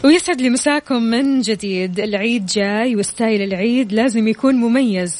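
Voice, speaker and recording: A woman's voice: a little high, a little fast. Effusive Saudi woman hosting radio over music. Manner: effusive, endearing greetings. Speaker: radio show host. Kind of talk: upbeat live radio presenting with greetings and announcements.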